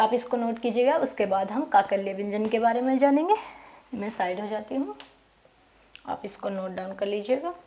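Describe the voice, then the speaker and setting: A woman's voice: mid-range voice, mellow, highs cut off. A woman teaching a lesson on Hindi consonants, patiently demonstrating each sound and repeating it for her students.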